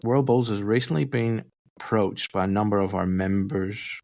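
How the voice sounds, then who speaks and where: Gravelly low guy co-hosting a sports podcast, laid back, ribbing his mate, dry sound. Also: moderate pace, no room sound. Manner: relaxed, teasing banter. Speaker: podcast co-host. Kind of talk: casual sports chat.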